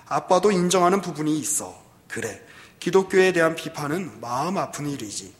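A man's voice: on the high side, lightly acted. A man voicing a stern, bewildered pastor father who scolds his daughter, in a reverberant hall. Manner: scolding, reproachful.

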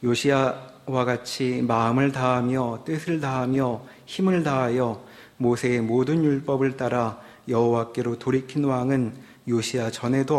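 A man reads a scripture passage aloud in a steady, formal cadence. His voice sits at a plain middle pitch. He moves evenly through each verse. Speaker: scripture reader. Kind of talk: scripture reading.

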